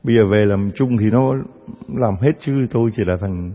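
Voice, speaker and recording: Priest giving a sermon, raspy voice, acts out other voices, reverberant lo-fi church recording. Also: male voice, lowish voice, normal speed. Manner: storytelling, acts out parishioners' voices. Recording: dull sound with long church reverb.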